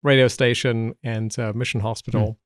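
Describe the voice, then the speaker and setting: On a laid-back podcast, this English guest, a middle-aged Old Testament scholar, talks thoughtfully but hesitantly, restarting and using fillers. His accent blends South London with American, and his medium-pitched, level voice moves at normal speed in a dry recording.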